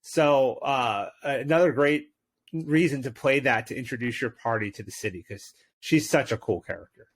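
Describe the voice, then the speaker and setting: A man's voice: medium pitch, normal speed. A man co-hosting a tabletop game podcast, chatting eagerly with many fillers and narrating a dramatic scene. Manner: enthusiastic, with frequent fillers. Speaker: podcast co-host and game master. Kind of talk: casual chat and dramatic narration.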